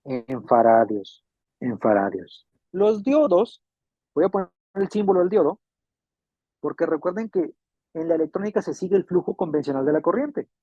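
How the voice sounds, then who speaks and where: Male instructor, fairly high husky voice, patient and repetitive, tinny phone-like recording. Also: animated, brisk, dry recording. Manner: patient, repeats points and checks understanding. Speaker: refrigeration electronics instructor. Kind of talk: classroom lecture. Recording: tinny phone-like dry sound.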